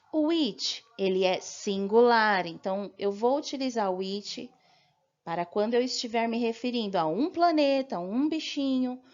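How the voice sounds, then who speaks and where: A Brazilian woman with a slightly high voice gives a beginner language lesson at an unhurried, deliberate pace. She explains patiently and keeps checking in with her listeners. The recording sounds a little dull and lo-fi. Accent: Brazilian Portuguese. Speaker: English teacher.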